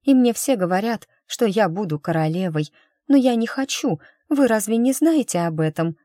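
High squealy airhead noble girl gushing over everything , done by a lady reading the book. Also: animated, normal speed, warm tone, dry recording, studio quality, lightly acted. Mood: eager. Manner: breathless, girlish and exclaiming. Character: bubbly naive young noblewoman, gushing and coquettish. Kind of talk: audiobook character reading.

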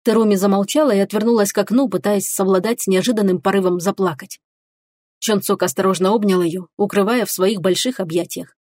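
A woman narrating an audiobook in an expressive storytelling manner. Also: medium pitch, fairly quick, no room sound, clean studio sound.

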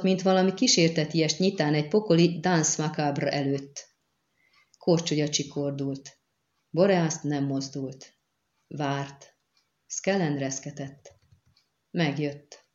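Low-voiced woman narrating a dramatic audiobook. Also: a little mellow, echoey room, lo-fi sound. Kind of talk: scripted narration.

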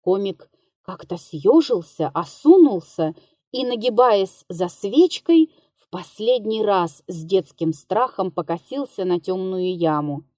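Slow, mellow woman reading a story. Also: mid-range voice, lively intonation, no echo, studio quality. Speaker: narrator. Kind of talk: literary audiobook reading.

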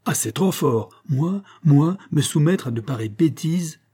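A man's voice: fairly high pitch, animated, unhurried, dark tone, slightly rough, voice pushed up. A man reading the part of a proud, poor male village schoolmaster who bursts out in agitated protest, in an audiobook. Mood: exasperated. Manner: agitated, exasperated outbursts.

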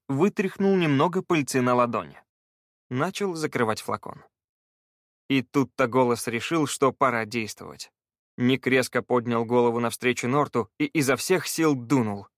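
A man narrating a fantasy audiobook in a measured, even storytelling manner. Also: mid-range voice, no echo, clean studio sound.

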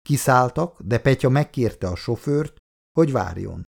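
Male audiobook reader, gravelly low voice, animated delivery. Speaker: audiobook narrator. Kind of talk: scripted narration.

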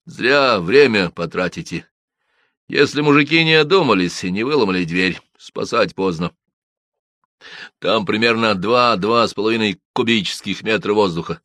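A man voicing a calm, precise detective who reasons aloud. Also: fairly low pitch, normal speed, no echo. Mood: grim.

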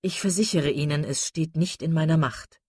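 A woman's voice: sits low, moderate pace, darkish tone, slightly rough, no room sound, clean studio sound. A woman voicing a serious, reserved male colonel in a read-aloud novel, formal and grave.

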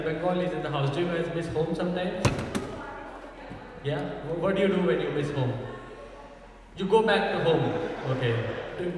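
A young North Indian stand-up comedian with a slightly high voice dryly teases the crowd during his set. The distant mic picks him up in a very echoey church hall at a festival, with audience noise around him.

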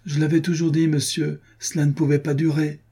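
A man reads as a gloomy manservant of an old adventure novel, lamenting his lot. He grumbles plaintively. The voice is dark and husky underneath. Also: fairly high pitch, little pitch movement, brisk, voice pushed up. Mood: grumbling. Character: grumbling young male servant.

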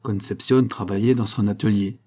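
Man with a mellow voice narrating a novel. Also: fairly low pitch, normal speed. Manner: dramatic, expressive reading. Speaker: audiobook narrator. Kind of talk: scripted narration of a classic novel.

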